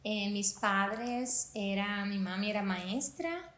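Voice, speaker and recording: A woman's voice: mid-range voice, slow, a bit bright, roomy sound. A Cuban woman in her forties with a Cuban Spanish accent, earnestly telling her life story as a podcast guest. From Cuba. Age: 40s. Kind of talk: personal testimony in a podcast interview.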